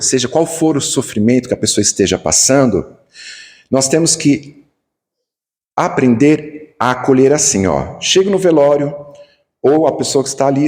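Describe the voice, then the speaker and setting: A man with a Brazilian accent gives a Spiritist lecture. He tells personal stories in an animated way and acts out the dialogue. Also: mid-range voice. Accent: Brazilian Portuguese. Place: Spiritist center lecture hall. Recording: long reverb of a lecture hall.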